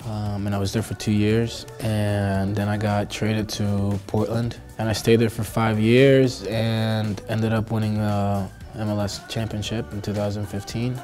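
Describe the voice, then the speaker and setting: Twenties male athlete from Costa Rica, halting interview delivery, flat low tone, light music bed. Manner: hesitant, many fillers and restarts. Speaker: professional soccer player. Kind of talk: sit-down interview answers. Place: indoor studio backdrop.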